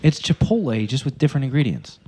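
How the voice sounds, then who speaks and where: Male co-host, West Virginia Appalachian accent, lively intonation, casual and emphatic, some background noise. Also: medium pitch, quick pace. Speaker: podcast co-host. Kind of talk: casual banter among friends.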